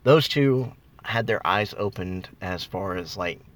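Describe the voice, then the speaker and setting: A man's voice: low voice, measured pace. A man casually telling ghost-hunting stories, rambling with many ums and likes, recorded in a parked car. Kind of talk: casual ghost story chat.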